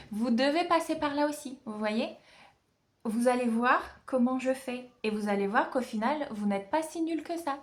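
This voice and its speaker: A woman vlogging casually from home about learning songs, chatty and self-mocking, sounding out syllables slowly. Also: on the high side. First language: French. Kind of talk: casual vlog.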